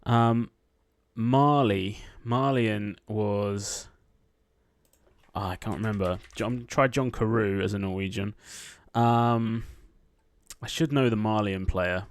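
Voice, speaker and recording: Man, quiz gameplay, muttering to himself, slow, smooth clear voice, dry close mic, keyboard typing. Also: lowish voice, dry recording. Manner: muttering names half to himself, lots of ums. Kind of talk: thinking aloud while playing a quiz.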